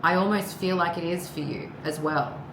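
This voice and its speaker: A woman's voice: on the low side, moderate pace, fairly bright tone. A woman giving a casual, rambling tarot reading with personal asides and the odd swear word. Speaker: tarot card reader. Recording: echoey room with clear background noise.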